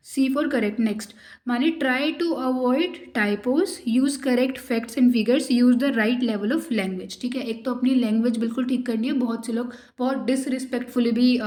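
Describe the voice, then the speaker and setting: A woman giving a university lecture, explaining each point step by step and reading out English points slowly. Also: a little high, darkish tone. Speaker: teacher. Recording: echoey room.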